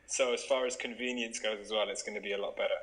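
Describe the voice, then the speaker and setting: A man's voice: on the low side, steady tone, quick pace, fairly bright tone, poor audio. A young man from Wales, a yoga teacher chatting casually in an interview, upbeat and laughing often.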